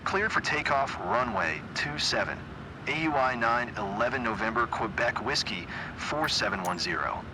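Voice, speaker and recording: A man speaking into a cockpit headset mic as a flight sim pilot, giving clipped, steady radio readbacks in pilot phraseology. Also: mid-range voice, normal speed, long pauses. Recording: aircraft engine noise behind. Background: airplane engine hum.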